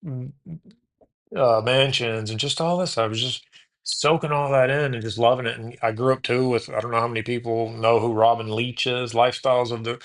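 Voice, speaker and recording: A podcast host in his late forties from Houston tells his story in a loose, rambling way. His mid-pitched voice carries a gravelly crackle. He keeps backing up to correct himself and drops in "man" and "dude". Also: fairly even intonation, moderate pace, fairly bright tone. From Houston, USA. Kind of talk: casual storytelling interview answers.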